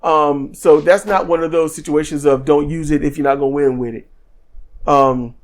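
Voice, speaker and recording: A fairly high-pitched man co-hosting a casual podcast. He talks his way through a wrestling recap in loose, rambling sentences full of ums, and he acts out quotes along the way. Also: steady tone, normal speed. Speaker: podcast co-host. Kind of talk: casual wrestling review chat.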